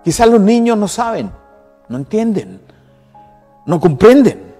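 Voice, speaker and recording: A man's voice: sits high, very animated, unhurried, dark tone, husky, in a large hall, soft background music. A Chilean man in his sixties preaching a sermon as pastor, emphatic and full of repeated lists. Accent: Chilean Spanish. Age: 60s.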